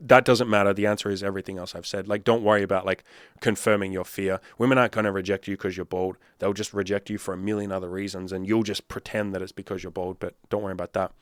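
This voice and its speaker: A man's voice: lowish voice, fairly even intonation, fast, no echo, clean studio sound. A man in his thirties, a dating coach giving blunt, profane, fired-up advice in a casual monologue. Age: 30s.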